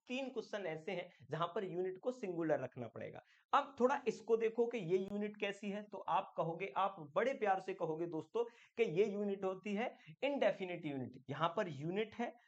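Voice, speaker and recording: A man's voice: sits high, highs cut off. A man teaching an exam-prep English grammar lesson, chatty, asking questions and answering them himself. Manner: chatty, calls the viewer "my friend", asks and answers his own questions.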